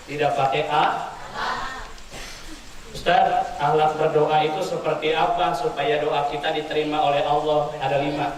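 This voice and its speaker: High-voiced preacher in an echoing hall. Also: male voice, a little hiss or hum. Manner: lively and joking, quizzes the audience. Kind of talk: public sermon to students. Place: large hall at an Islamic boarding school. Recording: echoey hall from far off.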